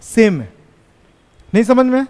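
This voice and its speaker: A man teaching physics in a classroom, dictating English notes in a Hindi accent, slow and repetitive, and teasing his students with scolds. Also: extremely high pitch, big pitch swings, a little mellow, clean tone, in a large hall. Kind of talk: classroom lecture at a board.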